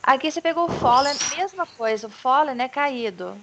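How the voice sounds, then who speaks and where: A woman with a Brazilian Portuguese accent teaching an online English lesson, patiently explaining and modelling pronunciation slowly. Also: high-pitched, animated, highs cut off. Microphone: video call. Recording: video call with faint background noise.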